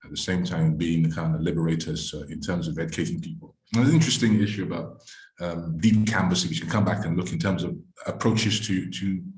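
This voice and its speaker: A man moderating an online panel, speaking in a measured, formal and wordy way. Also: sits low, darkish tone. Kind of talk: webinar moderation. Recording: echoey room.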